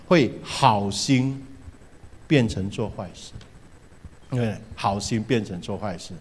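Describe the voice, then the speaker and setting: A man's voice: on the low side, measured pace, breathy edge. A man preaching a sermon, telling a story with animation and often asking the congregation questions. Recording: reverberant hall.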